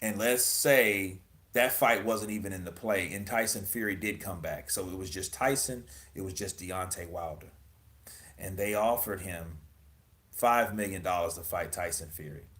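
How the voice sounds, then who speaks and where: A man's voice: low voice, moderate pace, a bit bright. A man hosting casual boxing commentary, emphatic and profane, firing off rhetorical questions. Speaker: boxing news host.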